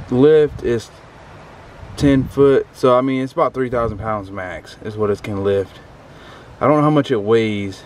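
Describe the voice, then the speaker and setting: Man vlogging casually outdoors in loud wind. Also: medium pitch. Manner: informal, folksy, addresses viewers as guys. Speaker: vlogger showing equipment bought for a business. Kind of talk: casual rambling vlog walkthrough. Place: outdoors on a windy day. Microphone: handheld camera, flipped between self and subject.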